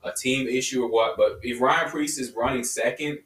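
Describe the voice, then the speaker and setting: A man co-hosting a casual motorsport podcast, giving relaxed, matter-of-fact opinions. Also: medium pitch, moderate pace. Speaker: podcast co-host. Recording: roomy, distant mic.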